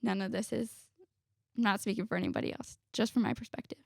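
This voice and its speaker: A woman's voice: medium pitch, fairly even intonation, quick pace, vocal fry, dry recording, studio quality. A woman in her twenties, a guest on a family podcast, chatting casually and laughing often, sometimes backtracking mid-sentence. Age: 20s.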